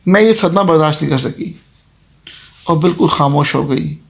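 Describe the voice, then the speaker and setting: A man's voice: a little high, normal speed, creaky. A man voicing the female ghost of a haunted mansion, speaking in a solemn, warning tone as part of a told horror story. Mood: mournful.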